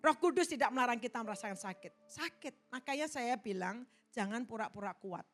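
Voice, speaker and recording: A middle-aged woman pastor preaching from the pulpit in a large church, her voice a little high for a woman. She presses her points hard, then drops to quiet asides. Faint music plays behind her. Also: lively intonation, fast. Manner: emphatic, swings from loud exhortation to soft asides. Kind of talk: sermon.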